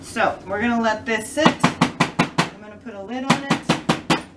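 A woman's voice: fairly high pitch, a little slow, very noisy. A middle-aged woman hosting a home cooking show, chatting through each step as she cooks in her kitchen. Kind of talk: casual cooking demonstration. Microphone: camera a few feet away. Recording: distant camera mic with kitchen clatter.

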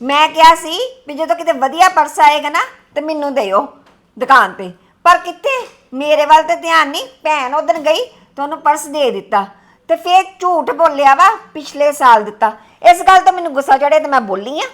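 A woman playing a quarrelsome young wife in an amateur family drama, with a very high voice. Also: moderate pace, fairly bright tone. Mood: aggrieved. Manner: quarrelsome, complaining. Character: sharp-tongued young wife, jealous of sister-in-law. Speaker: daughter-in-law in a family drama.

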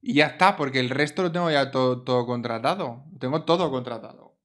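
A man commentating a life-simulation game, expressive and exclaiming, often scolding the characters. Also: mid-range voice, brisk. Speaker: gaming YouTuber. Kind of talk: Sims let's play commentary.

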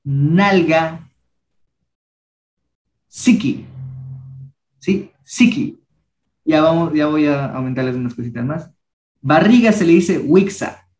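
A young man leads a language class, speaking slowly and patiently and repeating each word for his students. His voice sits a little high for a man, and the recording carries an echoey room. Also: a little mellow. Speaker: language workshop teacher. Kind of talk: teaching a class.

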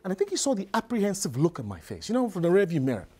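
A middle-aged man giving a motivational business talk to a live audience, telling a story in a lively, conversational way. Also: high-pitched, racing, husky. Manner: animated, conversational storyteller with frequent "you know". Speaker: business speaker. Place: live presentation before an audience.

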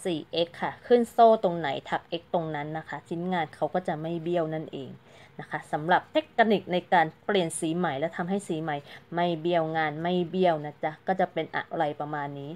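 A woman's voice: deep voice, steady tone, a little fast, a little mellow. A woman giving a casual, chatty crochet tutorial, counting stitches aloud and explaining each step politely. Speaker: crochet teacher.

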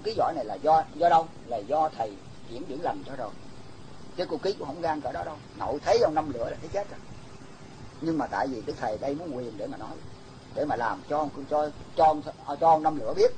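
A man's voice: on the high side, a little mellow, slight background noise, poor audio. A man retelling religious anecdotes in a casual, repetitive oral storytelling manner. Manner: casual, repetitive retelling with restarts and acted quotes.

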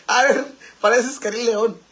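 A man's voice: very high-pitched, slow pace, pushed and bright. A man with a Mexican accent hosting a casual livestream, flamboyant and campy as he answers viewer comments and laughs often. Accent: Mexican Spanish.

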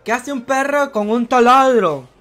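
Streamer host: Guatemalan woman, high pitched, playful teasing chat reader, soft music under her. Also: measured pace. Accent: Guatemalan Spanish. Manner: playful, teasing, keeps saying "bro". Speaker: livestream host. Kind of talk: casual livestream chat reading viewer jokes.

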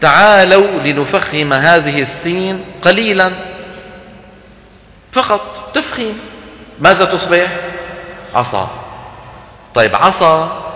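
Male lecturer, forceful bright voice, teaches by questions and sound demos, hall echo. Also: on the high side. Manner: explanatory, asks the audience questions and demonstrates sounds. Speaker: lecturer on Quran recitation. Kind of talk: religious lecture to an audience. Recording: echoey hall recording.

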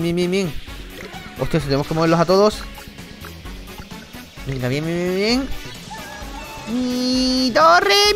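Excitable Spanish gaming YouTuber. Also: male voice, fairly high pitch. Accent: Spain Spanish. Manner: excitable, slangy, swears often. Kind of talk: let's-play gaming commentary.

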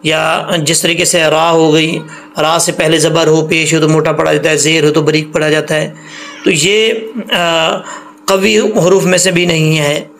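A man's voice: fairly high pitch, flat delivery, measured pace, gravelly, a bit bright, soft background music. A man teaching an online recitation lesson, explaining patiently and repeating points, stretching out syllables to demonstrate pronunciation.

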